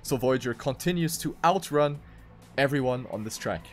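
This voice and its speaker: Calling a racing game live, this male esports commentator has a mid-range voice with lively intonation and a normal pace. Soft music plays behind him as he follows the action play by play, repeating phrases for emphasis.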